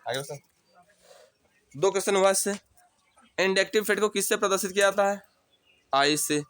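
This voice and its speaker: A man's voice: sits high, moderate pace, a bit bright, smooth. A man teaching chemistry to students. He explains step by step, keeps asking questions and then answers them himself. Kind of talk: classroom lecture.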